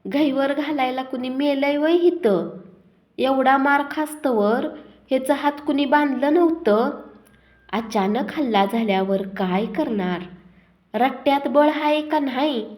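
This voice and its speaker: Woman doing an old village father, scolding, coarse rustic talk, raised pitch. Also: slow pace. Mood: contemptuous.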